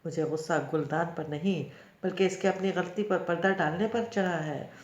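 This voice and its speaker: A woman's voice: fairly low pitch, moderate pace, lightly acted. A woman reading the part of a curt, strict female schoolteacher. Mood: stern. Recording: roomy, dull lo-fi recording.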